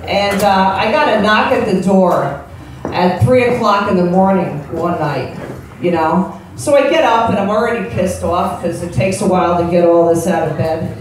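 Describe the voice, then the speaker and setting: A woman's voice: medium pitch, moderate pace, heavy reverb. Female comic, forties, American, brash conversational club delivery; distant, noisy live recording. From upstate New York, United States. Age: 40s. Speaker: stand-up comedian. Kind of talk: live stand-up comedy. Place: indoor comedy show with live audience.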